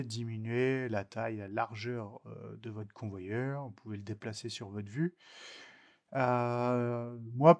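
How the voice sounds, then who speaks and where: Hesitant French man teaching software. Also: mid-range voice. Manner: hesitant, many filler sounds. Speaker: technical instructor. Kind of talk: screen-recorded software tutorial.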